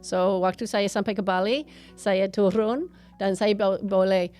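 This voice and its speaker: A woman's voice: mid-range voice, steady tone, unhurried, a little mellow, clear, resonant tone, faint music behind. A woman from the United States with an American accent tells personal stories casually in Indonesian as a foreigner, a native English speaker slipping into English phrases. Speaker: interview guest, gallery owner and painter.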